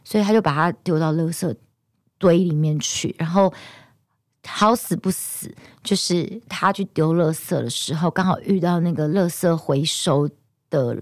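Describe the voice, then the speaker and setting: A woman hosting a podcast alone, with a hoarse voice and a Taiwanese Mandarin accent, telling a story with indignant, animated energy. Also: lowish voice, moderate pace, no echo, clean studio sound. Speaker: podcast host. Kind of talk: casual podcast monologue.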